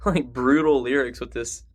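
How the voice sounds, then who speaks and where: A man's voice: medium pitch, steady tone, measured pace. A man co-hosting a podcast, chatting easily about music, swearing casually and calling his friend "dude.". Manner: easygoing, swears casually, says "dude" often. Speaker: podcast co-host. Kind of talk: casual music review chat.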